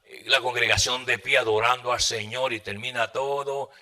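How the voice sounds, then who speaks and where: Male preacher, sermon testimony, bright ringing voice, mid-range pitch, dramatic storytelling, loud then hushed. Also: steady tone, moderate pace. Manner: dramatic storytelling, swinging between loud bursts and hushed asides.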